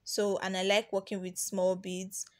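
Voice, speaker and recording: A woman's voice: mid-range voice, monotone, measured pace, darkish tone. A young woman from Nigeria narrating a beginner nail tutorial as a voice-over, chatty, with plenty of ums and restarts. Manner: chatty, repeats herself, many ums and restarts. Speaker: nail tech teaching beginners. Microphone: voice-over recording.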